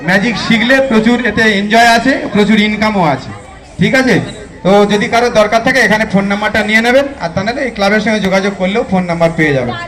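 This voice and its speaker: A man's voice: high voice, racing, a bit bright, a faint crowd. A man with a West Bengal accent doing live magic show patter, chatting to the audience like a kids party magician. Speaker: stage magician. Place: live club function stage. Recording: echoey live PA with music.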